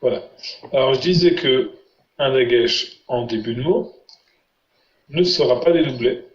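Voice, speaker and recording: A man's voice: mid-range voice, measured pace. Patient male teacher quizzing his students. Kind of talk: online language lesson. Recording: roomy, muffled lo-fi sound.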